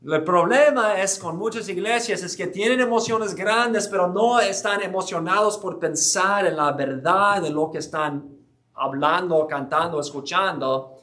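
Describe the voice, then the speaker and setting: A man's voice: sits high, unhurried, bright, forceful tone. A man giving an earnest church history lecture, explaining with frequent restarts and hesitations.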